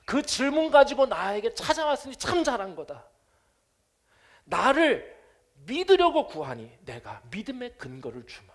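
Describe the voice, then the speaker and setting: A male pastor giving a Sunday sermon in church, animated, chuckling often and acting out quotes. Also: extremely high pitch, measured pace.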